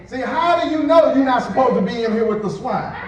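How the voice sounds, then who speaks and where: A man's voice: extremely high pitch, lively intonation, fairly quick, a little mellow, a little hiss or hum. A man preaching a sermon as pastor, conversational, acting out quotes and chuckling as he goes. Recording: echoey church hall from a distant mic.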